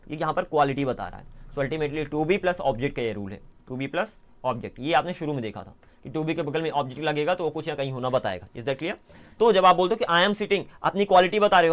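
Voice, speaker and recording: A man with a Hindi accent teaching English grammar in a patient, explaining style, often checking that students follow. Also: fairly high pitch. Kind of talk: online grammar lesson.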